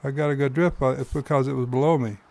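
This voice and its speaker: A man's voice: mid-range voice, fairly even intonation, fast, darkish tone. A man hosting and narrating his own fishing video in an easygoing, folksy explaining manner. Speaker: fly-fishing guide and host.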